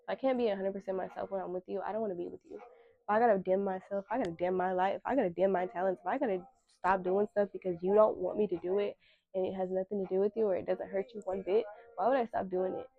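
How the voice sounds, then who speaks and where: A woman's voice: medium pitch, steady tone, quick pace, no echo, narrow, tinny audio. A woman in her twenties hosting a casual solo talk, candid and slangy, with emphatic repetition. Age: 20s. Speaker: podcast host.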